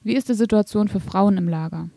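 A woman interviewer asking direct, brisk questions. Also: medium pitch, gravelly, mellow, no room sound, studio quality.

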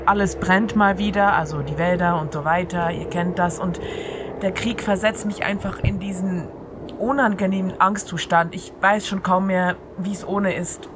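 A woman hosts a free radio show, talking straight to the listener in an informal, conversational monologue. Her fairly low voice is steady and at normal speed, while outdoor ambience drifts clearly in through an open window.

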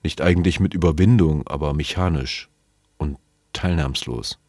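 A man reading a novel aloud in measured, sober, first-person storytelling. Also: rumbling low, darkish tone, no echo, studio quality. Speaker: narrator.

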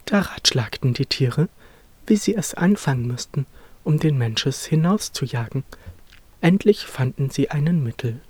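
A storyteller reads a fairy tale aloud at a slow, unhurried pace. The voice moves in a lively, melodic way, and the recording is dry and close. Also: mid-range voice, husky, no room sound. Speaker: narrator.

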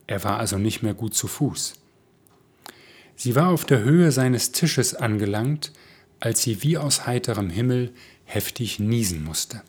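A man calmly reading aloud his own story as narrator. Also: mid-range voice, breathy edge. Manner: calm, measured. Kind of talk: scripted narration.

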